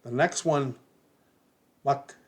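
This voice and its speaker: A man's voice: mid-range voice, slow. An older man, casually reminiscing about his ballplaying days, rambling, swearing and chuckling as he goes. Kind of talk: casual storytelling.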